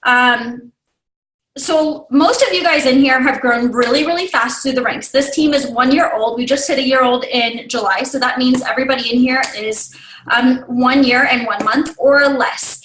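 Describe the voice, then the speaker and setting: A woman's voice: high voice, moderate pace, reverberant, poor audio. A woman in her thirties, a team leader talking frankly on a video call, confiding and tearful, sniffling at times. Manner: warm, open, confiding, with small laughs. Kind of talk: casual talk on a video call.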